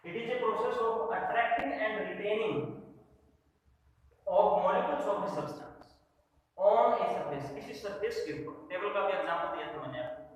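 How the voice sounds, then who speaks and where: A man teaching chemistry at a board who asks the class questions, answers them himself and reads definitions out slowly. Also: sits high. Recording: echoey room, voice far from the mic.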